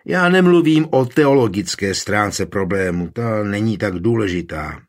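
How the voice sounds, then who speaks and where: A man reading a stern one-eyed warlord who argues forcefully in a council. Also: on the low side, animated, lightly acted. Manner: forceful, agitated.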